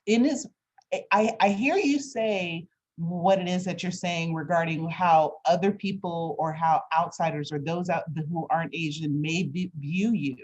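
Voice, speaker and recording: Casting: woman interviewer, slightly low voice, reflective, halting, conversational explanations. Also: a little mellow, highs cut off.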